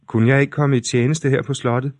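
A man's voice: mid-range voice, fairly even intonation, dry recording, pitched above the performer's own voice, natural voice. A man voicing a cheeky young prince disguised as a swineherd in a storybook reading. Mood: bold.

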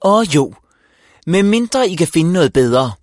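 A curt, impatient school librarian woman, as a male reader puts her on in a storybook. She talks in short, clipped lines, with her pitch lifted well above his own. The sound is dry and close. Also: very animated, dry recording. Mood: brisk. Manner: curt, clipped, counting down time.

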